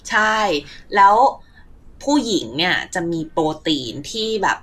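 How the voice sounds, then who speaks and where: A woman co-hosting a casual science chat, telling stories in a lively way and explaining facts as she talks. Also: on the low side, a little slow. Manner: lively storytelling, acts out her own reactions.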